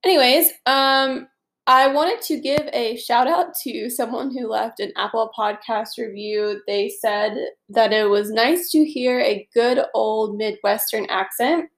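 A woman's voice: on the high side, unhurried, hardly any pauses. A young woman with a stuffy, nasal voice hosting an upbeat, chatty study podcast lesson. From Atlanta, US South. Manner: upbeat and chatty, laughs easily. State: stuffy, congested. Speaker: podcast host.

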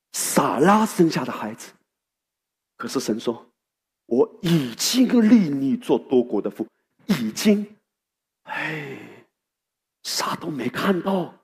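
Animated male pastor in an echoing hall. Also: a little high, slightly rough. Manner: animated, exhorting preacher addressing the congregation. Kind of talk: sermon. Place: church hall. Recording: echoey hall.

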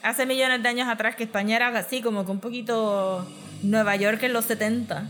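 A woman's voice: a little high, steady tone, fairly quick, a bit bright, faint music behind. A woman recapping a film in casual chat, mixing in English words, with lots of fillers and laughs.

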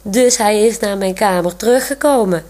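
A woman's voice: mid-range voice, moderate pace, darkish tone, natural voice. Olaf, a woman reading as a proud young man. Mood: cheerful. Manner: proud, grinning. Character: cheerful young man in a wheelchair.

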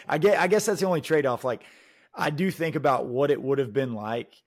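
A man in his late twenties telling stories in a casual, animated chat and acting out the people in them. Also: fairly high pitch, brisk, dry recording, clean studio sound. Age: late 20s. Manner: animated storyteller, full of "dude" and "like".

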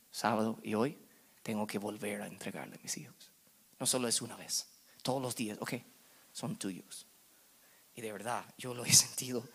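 A man in his thirties preaching a sermon as pastor, slipping English words into his Spanish and swinging between loud bursts and hushed asides. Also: medium pitch, breathy edge.

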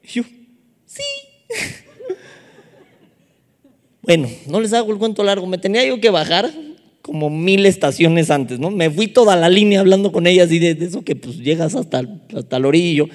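Mexican male preacher, high voice, lively humorous storyteller, long hall echo. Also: brisk. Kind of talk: sermon.

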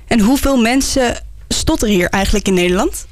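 A woman presenting a short segment and interviewing a guest with clear, curious questions. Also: fairly high pitch, a little fast. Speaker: host.

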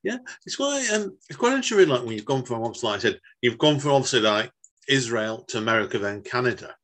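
A man's voice: mid-range voice, big pitch swings, quick pace, fairly bright tone. A man from England hosting a podcast, chatting casually and rambling with many fillers and restarts. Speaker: podcast host.

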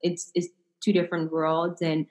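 A woman interviewing a guest, speaking haltingly with many restarts and filler words. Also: lowish voice, completely flat delivery, a little mellow, reverberant. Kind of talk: interview conversation.

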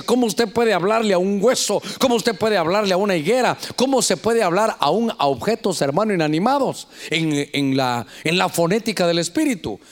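A male pastor delivers an animated sermon in a high voice that swoops up and down. He calls on the congregation to repeat phrases after him and speaks with rising fervor. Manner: animated preaching with call-and-response.

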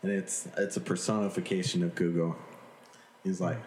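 A man's voice: low-pitched, level tone, moderate pace, darkish tone. A man, co-hosting a casual group podcast and joking around with silly voices. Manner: jokey, does silly voices. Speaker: podcast co-host. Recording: echoey room with faint noise.

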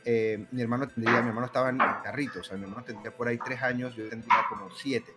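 Young colombian guy chatting on a podcast, acts out quotes, tends to repeat himself, music playing loud. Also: mid-range voice, fairly even intonation, rapid-fire. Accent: Colombian Spanish. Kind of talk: casual storytelling chat.

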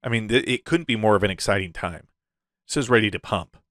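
A man's voice: lowish voice, fast talker, a bit bright, no room sound, studio quality. A man hosting a casual crypto update in the gushing, hyped-up manner of a crypto bro, often chuckling as he talks. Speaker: crypto video host.

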